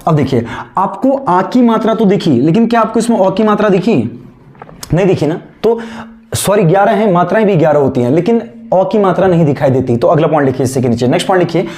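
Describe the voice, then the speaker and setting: A Hindi teacher with an expressive, mellow, mid-range voice gives an online grammar lesson. The teacher keeps posing questions to the class, answers them, and slowly repeats sentences so students can copy them down.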